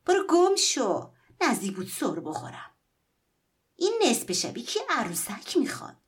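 A woman voicing a heavy woman shoveling snow who shouts irritably. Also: on the high side, big pitch swings, pitched above the performer's own voice. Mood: angry.

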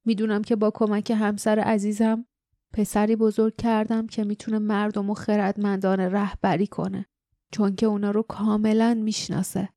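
A woman voicing a gentle dying father in an audiobook, speaking softly and weakly. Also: mid-range voice, little pitch movement, no room sound, clean studio sound, natural voice. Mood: tender. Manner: soft, weak, murmuring.

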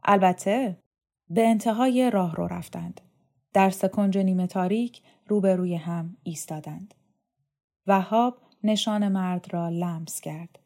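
A woman narrating a novel as an audiobook reader, in a calm, measured voice. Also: fairly low pitch. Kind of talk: scripted narration.

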